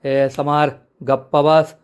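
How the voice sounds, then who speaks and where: A commanding household patriarch, voiced by a man narrating. He barks orders loudly. His voice drops a touch lower than the narration. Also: flat delivery, extremely slow, clean tone, dull audio. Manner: loud, commanding. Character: commanding older father, head of household.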